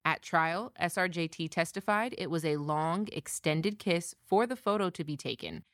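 American female legal presenter, lower-pitched, scripted case summary, dry close recording. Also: moderate pace, no room sound. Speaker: podcast co-presenter, military lawyer.

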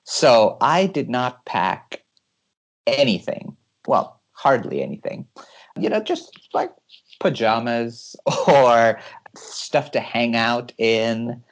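A man's voice: mid-range voice, lively intonation, slow. A man from California, a guest engineer giving eager, explanatory interview answers and laughing often as he talks.

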